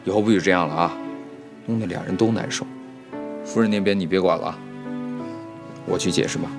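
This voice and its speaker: An actor playing a flustered young master of a household in a comedic period TV drama, scolding and coaxing by turns in an exasperated way. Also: male voice, deep voice, a little fast, vocal fry. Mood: lecturing. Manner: exasperated, scolding, jumps between coaxing and alarm. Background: background music.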